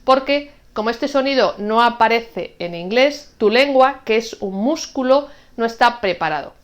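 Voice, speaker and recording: A woman gives an online Spanish lesson. Her voice sits a little high, and she explains each rule in a clear, patient way, spelling out example words with care. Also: animated, moderate pace. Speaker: Spanish teacher.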